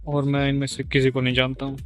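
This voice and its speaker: A man's voice: mid-range voice, monotone, fast, faint music behind. Wry young man vlogging. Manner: joking, wry asides, switching between Hindi and English. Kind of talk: casual comic vlog narration. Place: indoor book fair.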